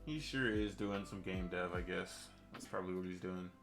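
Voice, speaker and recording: Relaxed low-voiced man chatting on stream. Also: normal speed, over music. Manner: relaxed, thinking aloud, chatty asides to viewers. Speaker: game developer streaming his work. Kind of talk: casual live-stream chat.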